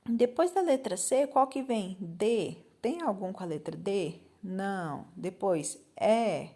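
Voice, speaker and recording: Slow, patient Brazilian woman teacher. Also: mid-range voice, a little mellow. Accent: Brazilian Portuguese. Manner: slow, patient, spells out letters and checks with "certo?". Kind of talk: recorded remote lesson for fifth graders.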